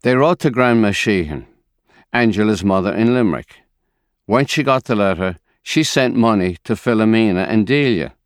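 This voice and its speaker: A man reading a story aloud in a calm, measured way. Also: fairly low pitch, smooth, no echo, clean studio sound. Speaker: narrator.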